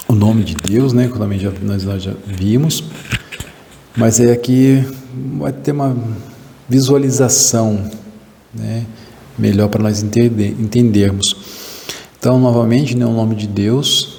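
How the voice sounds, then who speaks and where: A Brazilian man with a Brazilian Portuguese accent lecturing to a class, his low voice full of gravelly fry. He talks haltingly, restarting phrases and tagging them with little questions. The sound is mellow and dark, with a long hall reverb trailing behind it. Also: a little hiss or hum. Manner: halting, many restarts and "né?" tags. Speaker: teacher.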